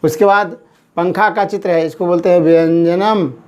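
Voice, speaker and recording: A man's voice: sits high, steady tone, moderate pace, darkish tone, clear, resonant tone. A man teaching a school lesson to children, patiently explaining each word and repeating the answers. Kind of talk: classroom lesson.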